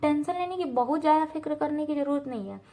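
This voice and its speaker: A woman's voice: high-pitched, fast, warm tone. A young woman from India giving earnest, direct study advice in a casual talk to camera, repeating points for emphasis and slipping in English phrases. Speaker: student advice vlogger.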